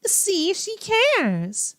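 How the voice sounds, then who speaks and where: In clean studio sound with no room sound, a woman streamer delivers playful, theatrical commentary on visual novels and reads dialogue aloud, teasing and sassy throughout. Her voice is very high and a bit bright, with huge pitch swings, and she speaks extremely slowly.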